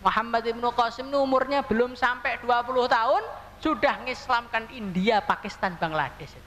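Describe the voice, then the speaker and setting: Young preacher, echoing mosque. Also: male voice, very high-pitched, normal speed, bright, forceful tone. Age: young adult. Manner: emphatic, rhetorical questions to the congregation. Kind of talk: evening mosque sermon. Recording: reverberant mosque hall, faint noise.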